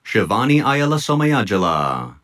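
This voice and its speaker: Man reading graduate names, lively pitch. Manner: measured, deliberate name-reading. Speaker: commencement name reader. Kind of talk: formal announcing of graduate names. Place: outdoor tent stage at a graduation.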